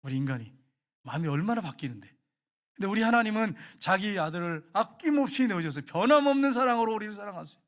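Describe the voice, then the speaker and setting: High-voiced pastor telling a story. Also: male voice, fast. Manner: lively, acts out quoted lines, chuckles often. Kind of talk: sermon with storytelling. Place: church sanctuary.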